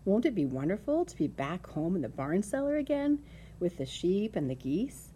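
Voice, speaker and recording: A woman's voice: lowish voice, sing-song, moderate pace, mellow, a little hiss or hum. A woman voicing a devoted, emotional young male pig in a storybook, with an earnest, urgent way of speaking.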